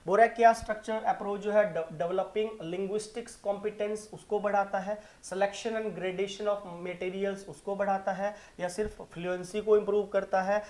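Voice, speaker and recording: A teacher with a Punjabi accent giving an online exam-prep lesson, mixing Hindi and English, explaining slowly and often checking in with "right?". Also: mid-range voice, darkish tone. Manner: explains slowly and repeats key terms. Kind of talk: online exam-prep lesson going through multiple-choice questions.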